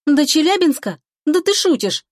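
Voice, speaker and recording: A woman voicing an irritable, sharp-tongued young woman in an audiobook. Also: fairly high pitch, quick pace, no room sound, clean studio sound, pitched above the performer's own voice, natural voice. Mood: indignant. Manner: snappy, indignant grumbling. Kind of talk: audiobook character voice.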